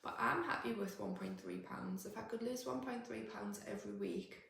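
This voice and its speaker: A woman's voice: medium pitch, huge pitch swings, moderate pace, vocal fry, a bit bright, recorded from a distance. A woman talks casually in a weight-loss vlog, rambling and restarting her sentences. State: out of breath. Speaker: vlogger. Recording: echoey room, faint noise.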